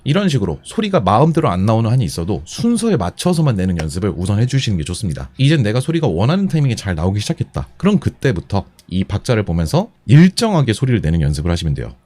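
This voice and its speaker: A man teaching a beatbox lesson step by step, patient and methodical, repeating each instruction slowly. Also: on the low side, huge pitch swings, darkish tone, no room sound. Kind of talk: step-by-step tutorial explanation.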